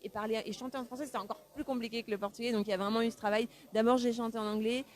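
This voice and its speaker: A singer-songwriter who grew up in France answers interview questions thoughtfully and in an easygoing way, laughing easily. Her fairly high voice holds a steady tone while she races along. She comes across as warm.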